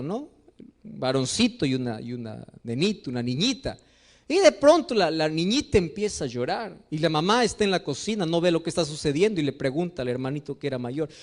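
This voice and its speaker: A man preaching a sermon as pastor, acting out voices as he tells stories to his church. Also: a little high.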